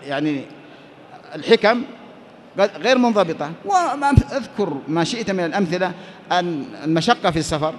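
A man's voice: high-pitched, expressive, fairly quick, a little hiss or hum. A man giving a classroom lecture on Islamic law, explaining step by step and posing questions he then answers himself. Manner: explanatory, asks and answers his own questions. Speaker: teacher of Islamic jurisprudence.

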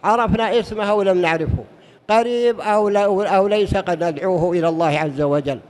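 A man's voice: high voice, fast talker, darkish tone. A man preaching a sermon, telling stories and urging his listeners directly. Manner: storytelling with acted quotes, exhorting listeners.

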